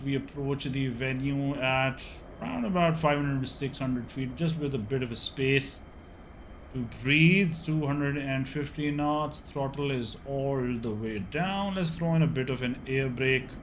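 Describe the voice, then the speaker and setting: A man giving live flight simulator airshow commentary, narrating each move in clipped phrases as he flies. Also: mid-range voice. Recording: clearly noisy background.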